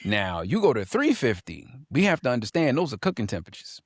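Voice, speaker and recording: A man's voice: mid-range voice, wildly swooping pitch, a little fast, no room sound, clean studio sound. A man co-hosting a casual podcast panel, talking emphatically, repeating lines for punch and reading viewer comments aloud. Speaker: podcast co-host.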